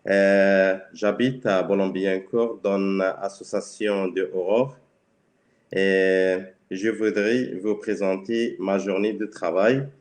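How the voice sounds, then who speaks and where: A man with a Spanish accent speaks very slowly in a fairly low voice, searching for his words. His presentation is simple, and the room around him is echoey. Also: steady tone, darkish tone. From Spain. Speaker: cleaner, webinar guest.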